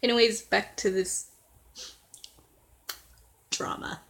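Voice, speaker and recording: A woman hosting a casual reaction video, rambling, excitable and emotional. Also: mid-range voice, unhurried.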